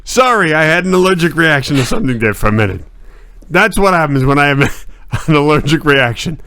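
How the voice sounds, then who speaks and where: A man co-hosting a comedy stream, telling rambling absurd stories in a deadpan way. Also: fairly high pitch, fairly quick, a little hiss or hum. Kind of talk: improvised comedy banter.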